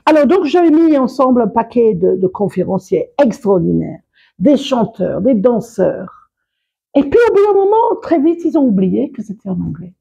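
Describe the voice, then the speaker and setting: In an interview, a public speaker and coach talks at a moderate pace in a slightly high voice with big pitch swings. She sounds gravelly, mellow and breathy, laughs a lot and restarts her sentences, while the audio is dull.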